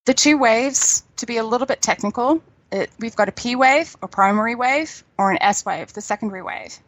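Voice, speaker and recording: A woman's voice: fairly high pitch, expressive, brisk, fairly bright tone, dry recording. A middle-aged woman from New Zealand with a New Zealand accent, a scientist guest chatting casually on a radio interview and laughing often.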